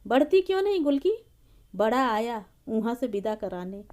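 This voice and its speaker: A woman's voice: on the high side, big pitch swings, normal speed. A woman voicing a fierce, hot-tempered woman who roars commands, in a storybook reading. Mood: furious. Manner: shouting, commanding.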